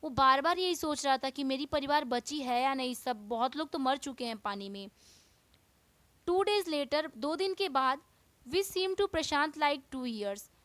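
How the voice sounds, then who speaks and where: A woman teacher explaining a textbook chapter, reading English lines slowly and then explaining them at length. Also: high voice, animated, fairly bright tone, no room sound.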